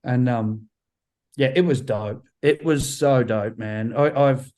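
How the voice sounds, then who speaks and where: A man chats on a video call in a relaxed, mellow voice. He talks with eager enthusiasm, repeating himself and leaning on fillers as he goes. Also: mid-range voice, slow pace, low-quality recording. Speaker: band member guest. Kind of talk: casual interview chat over video call.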